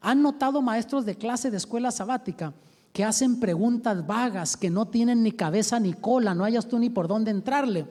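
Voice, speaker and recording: Pastor guy giving a seminar, animated, lots of questions to the crowd, warm low voice, big hall echo. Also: normal speed. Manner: animated, acts out quoted voices, asks the audience questions. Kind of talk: seminar teaching.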